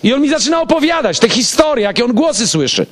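A man, a pastor, telling a personal story in a casual, animated way and acting out both sides of the dialogue. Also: very high-pitched, fast.

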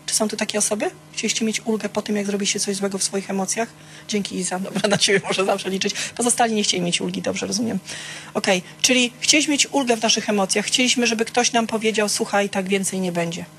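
A woman's voice: mid-range voice, fairly even intonation, fast talker, fairly bright tone, a little hiss or hum. A woman teaching a small church group in a conversational way, asking questions, calling listeners by name and sharing candid personal stories. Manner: conversational, keeps checking in with "tak?".

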